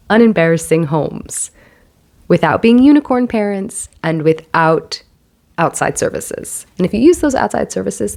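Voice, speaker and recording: Nasal mom with a cold. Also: female voice, medium pitch, gravelly, darkish tone. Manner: chatty, self-deprecating, rambling asides. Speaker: stay-at-home mom and homemaking vlogger. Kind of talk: casual chatty vlog. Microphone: handheld microphone.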